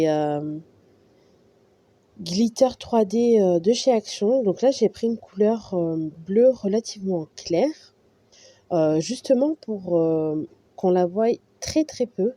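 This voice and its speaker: A woman talks through an art journal tutorial in a very dark, mellow voice. She hesitates often and fills pauses as she explains. The sound is dry and close. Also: lowish voice, dry recording. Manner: hesitant, many fillers and restarts. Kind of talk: casual craft tutorial narration.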